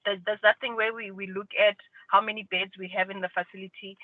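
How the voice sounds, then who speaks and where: A man with a high-pitched voice speaks from his car over a phone line. The sound is thin and tinny, with the dry closeness of a speakerphone call. He thinks out loud in a casual meeting, trailing off and restarting as he searches for words. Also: level tone, fast talker, no room sound. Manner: thinking aloud, with fillers and restarts. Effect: phone call from a moving car on speakerphone. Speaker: meeting participant calling in. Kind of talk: casual work meeting discussion. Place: car while driving.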